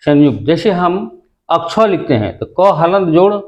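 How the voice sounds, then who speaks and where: A man's voice: a little high, very animated, a little mellow, lo-fi sound. A man teaching a grammar lesson, repeating each point and quizzing his listeners with questions he answers himself. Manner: slow, deliberate delivery. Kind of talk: classroom-style grammar lesson.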